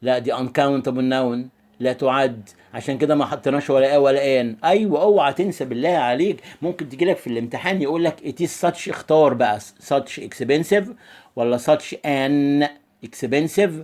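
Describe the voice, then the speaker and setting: A man with an Egyptian Arabic accent gives a lively grammar review lesson as an English teacher, often acting out imagined student questions. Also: mid-range voice, fast talker.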